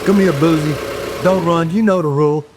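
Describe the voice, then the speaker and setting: A male actor voices a weary, gruff police detective in a horror audio drama, sounding wry, guarded and commanding. His natural-sounding voice is a little high and a little fast, and there's noise in the background.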